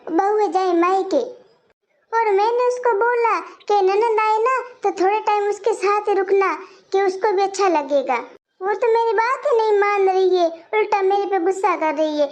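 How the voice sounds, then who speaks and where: A performer playing a soft-hearted elderly mother who gently placates her family in a comic skit. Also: extremely high pitch. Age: older.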